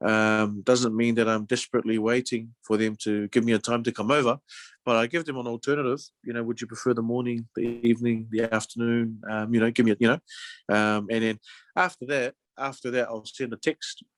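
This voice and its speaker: This real estate agent, a man with a New Zealand accent, keeps his sales pitch casual and chatty, with loose, friendly phrasing and plenty of verbal padding. His medium-pitched delivery is a little fast, and the dry recording has no echo.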